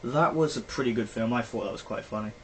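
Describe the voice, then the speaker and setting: Young british man, rambling film chat, middle pitch, faint noise behind, lo-fi recording. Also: fast. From Britain. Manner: rambling, chatty, trailing off with fillers. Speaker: vlogger. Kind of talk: casual film review chat. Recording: faint background noise, poor-quality recording.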